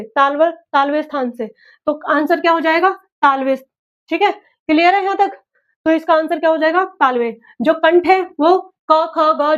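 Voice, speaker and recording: A woman's high voice comes through dull audio as she runs an exam-prep lesson. Her approach is repetitive drilling: she asks her own questions, answers them, and says them back again.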